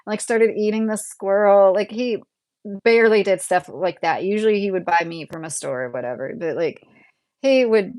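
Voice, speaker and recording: Here a Southern Indiana woman in her late thirties, speaking with a Midwestern American accent, hosts a laid-back YouTube livestream and rambles through viewer comments, laughing now and then. Her medium-pitched voice has a darkish tone and a moderate pace, recorded dry.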